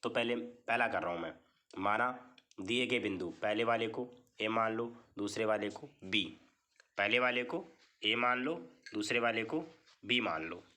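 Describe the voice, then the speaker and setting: This man's voice sits on the low side and has a sharp tone, delivered at a measured pace. Teaching a maths lesson in classroom fashion, he breaks things down step by step, checks in with the class again and again with phrases like "theek hai", and answers his own questions.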